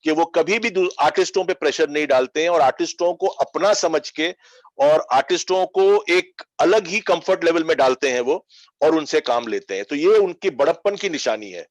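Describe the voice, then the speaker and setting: A man's voice: fairly high pitch, expressive, moderate pace, dry recording. A man interviewing a guest and earnestly praising a director, slipping English phrases into his talk.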